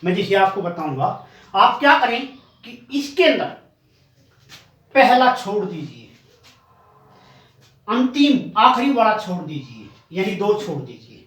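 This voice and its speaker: A man's voice: sits high, big pitch swings, unhurried, pauses often, a bit bright, roomy sound, far from the mic. A male coaching teacher giving a classroom lesson, patiently explaining step by step and sounding out items one by one.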